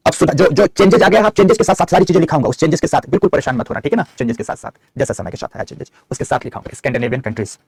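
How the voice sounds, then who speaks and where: A man's voice: a little high, lively intonation, racing, hardly any pauses, husky, dry recording, studio quality. A middle-aged male geography teacher, giving an online map lecture, answering students' chat questions and dictating notes.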